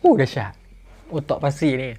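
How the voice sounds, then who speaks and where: Man, preacher, storytelling lecture, chatty asides, mellow tone. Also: mid-range voice, normal speed, breathy edge. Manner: lively, chatty, with asides and chuckles.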